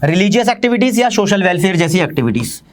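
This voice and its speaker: A man with an Indian accent teaching commerce in a fast, chatty online lecture, talking straight to his students. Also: sits high, big pitch swings.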